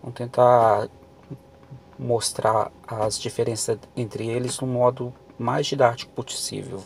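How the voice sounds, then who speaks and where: A man's voice: medium pitch, steady tone, measured pace, gravelly, a little hiss or hum. A man teaching a grammar lesson for exam prep, explaining patiently with many fillers and restarts.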